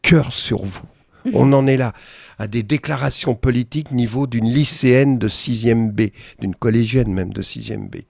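A man's voice: mid-range voice, normal speed, gravelly, a little mellow, no room sound, clean studio sound. A man delivering a satirical, indignant morning opinion column on the radio, sardonic and mocking.

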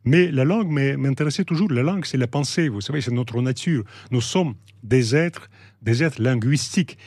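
A middle-aged man from Russia with a Russian accent, talking in a measured, hesitant way with many pauses and restarts as an interview guest. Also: mid-range voice, a little mellow, husky, no room sound, studio quality. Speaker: guest, novelist. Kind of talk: reflective interview talk.

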